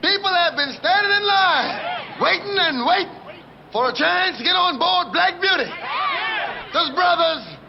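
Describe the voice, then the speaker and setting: Con-man preacher, shouting to a crowd, gravelly, lively pitch, dull film audio with loud crowd. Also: a little slow, noisy background, exaggerated voice. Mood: preaching. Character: smooth-talking male con-man preacher rallying a crowd.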